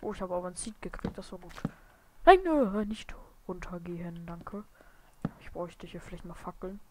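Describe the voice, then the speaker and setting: A woman giving casual gameplay commentary on a desk microphone, muttering and whispering asides to herself, now and then bursting into loud startled shouts. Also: lowish voice, flat delivery, fairly quick. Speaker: let's play gamer. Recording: noisy home mic with hiss and clicks.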